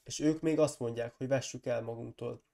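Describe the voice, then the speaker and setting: A proud, forceful warrior lord who presses his point and flares into loud accusations, as a hoarse man reads him aloud. The voice is gravelly and mellow, with a rough edge from a cold, in the manner of a storybook reading. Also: mid-range voice, fairly even intonation, lightly acted. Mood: angry. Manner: insistent, rising to loud accusing outbursts.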